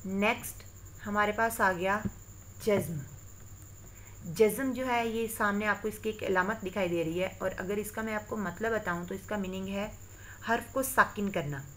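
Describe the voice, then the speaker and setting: A woman teacher with a Pakistani Urdu accent gives a recorded online lesson, speaking straight to her students. She spells out letters and vowel sounds one by one at a slow, patient pace, in a voice of middling pitch. A faint noise sits under the recording. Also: fairly even intonation. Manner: addresses students directly, patient explanatory tone. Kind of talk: recorded online lesson explaining Arabic reading.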